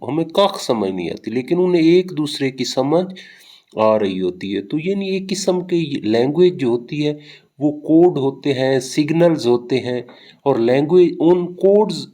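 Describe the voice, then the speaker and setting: A man's voice: mid-range voice, warm tone. Brief: male lecturer, mid-range voice, patient teaching delivery with frequent hesitations. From Pakistan. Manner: explains with everyday examples, frequent hesitation fillers. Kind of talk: recorded lecture explaining linguistics.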